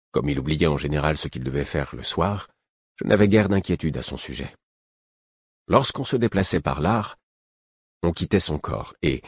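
A man reading a first-person novel as an audiobook narrator, in a measured, even storytelling manner. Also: low-pitched, husky, dry recording, clean studio sound.

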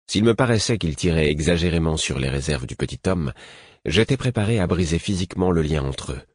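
A man narrates a novel in a measured, even reading voice. His pitch sits very low and carries a husky grain. The dry, close-miked sound has no room around it. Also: dry recording. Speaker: audiobook narrator. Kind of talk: scripted narration.

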